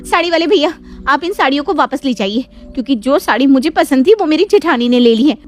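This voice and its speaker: A woman's voice: sits high, expressive, unhurried. A woman voicing a headstrong younger daughter-in-law who refuses to give way in a cartoon story. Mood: indignant. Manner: stubborn and indignant.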